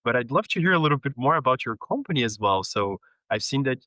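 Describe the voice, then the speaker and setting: A man's voice: mid-range voice, very animated, fast, pushed and bright, no room sound, low-quality recording. A man hosting an interview podcast, upbeat and enthusiastic as he introduces his guest and asks questions. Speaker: podcast host. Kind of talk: casual interview.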